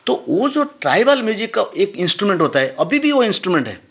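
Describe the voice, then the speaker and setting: A man explains things patiently, like a teacher working through each step. His voice sits high for a man and swings widely up and down. He speaks as a musician guest in an interview. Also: big pitch swings, fast, a bit bright, breathy edge.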